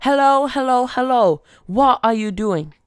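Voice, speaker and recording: A podcast reader voicing a rude, demanding woman, a mother who shouts at a store worker for help. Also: medium pitch, expressive, a little slow, smooth, dry recording, faint music behind, voice pushed up, natural voice. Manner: yelling, pushy.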